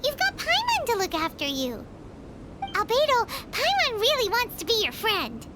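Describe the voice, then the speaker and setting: A woman's voice: extremely high pitch, huge pitch swings, normal speed, very noisy, full character voice. A woman voicing a tiny chirpy fairy-like companion girl who talks about herself in the third person, in a game cutscene. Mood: cheerful. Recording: game soundtrack music behind.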